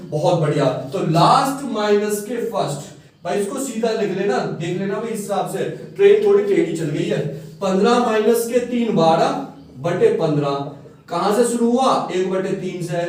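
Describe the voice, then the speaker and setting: Male maths tutor, high-pitched, coaxing, recorded far from the mic. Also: a little mellow. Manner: coaxing, keeps checking students follow. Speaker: maths teacher. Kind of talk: classroom-style maths lesson. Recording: echoey room, far from mic.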